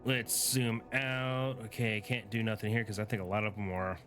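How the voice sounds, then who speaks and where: Tired low-voiced man rambling over game music. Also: flat delivery, moderate pace, fairly bright tone. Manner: rambling, thinks aloud with fillers. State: tired, yawning. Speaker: gaming streamer. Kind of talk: casual gameplay commentary.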